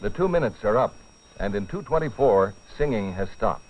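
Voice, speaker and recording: A man with a lowish, animated voice narrates a safety training film at a normal speed, telling it as a dramatic scripted story in a grave, urgent, theatrical way. The audio is a dull vintage film soundtrack with music.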